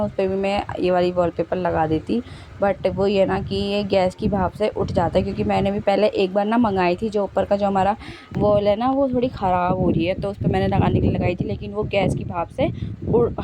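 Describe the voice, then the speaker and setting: A young woman vlogger narrating her kitchen cleanup in a casual, homely way, with lots of fillers and self-corrections. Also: medium pitch. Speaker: home vlogger. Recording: noticeable background noise.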